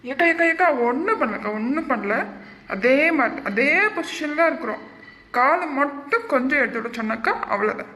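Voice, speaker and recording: A woman's voice: sits high, lively intonation, a little fast, fairly bright tone. A woman voicing a put-upon young cartoon woman who keeps pleading and complaining. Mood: placating. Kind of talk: cartoon voice acting.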